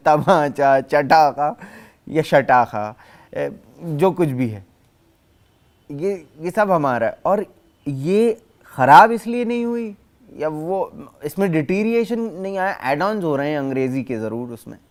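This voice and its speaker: A man speaks in a documentary interview. He is direct and talkative and slips English words into his speech, with a slightly high voice. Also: animated, takes it slowly.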